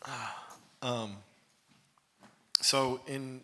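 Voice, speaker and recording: A man speaking at his father's memorial, halting and searching for words as he begins. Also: mid-range voice, steady tone, sharp tone. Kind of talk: eulogy remarks.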